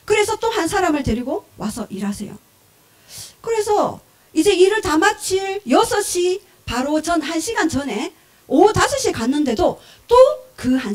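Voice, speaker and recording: A woman pastor preaching a sermon, telling parables in an animated way, acting out short voices and asking the congregation questions. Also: extremely high pitch.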